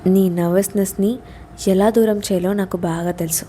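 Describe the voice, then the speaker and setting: A woman's voice: mid-range voice, steady tone, moderate pace, warm tone, slight background noise, natural voice. A woman voicing a curt, commanding young husband in an audio story. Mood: sweet.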